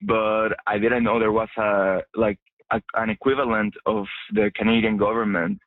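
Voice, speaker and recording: A low-voiced young man who grew up in Mexico talks through a student project in a radio interview. He hesitates often and restarts his sentences. The sound is dry and narrow, like a phone line. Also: fairly even intonation, moderate pace, dry recording. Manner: hesitant, many fillers and restarts. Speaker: journalism student.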